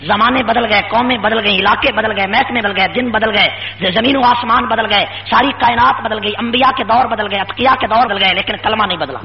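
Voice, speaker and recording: A man giving an impassioned rally speech at a public gathering, full of repetition, shouted rhetorical questions and call-and-response. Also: high-pitched, vocal fry, hardly any pauses. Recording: lo-fi with faint hum.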